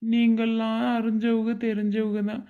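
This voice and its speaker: A woman doing a humble gravelly cartoon man. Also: a little high, monotone, moderate pace, phone-quality sound, natural voice. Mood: humble grateful. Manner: humble, grateful, soft-spoken. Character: humble grateful adult man, struggling relative.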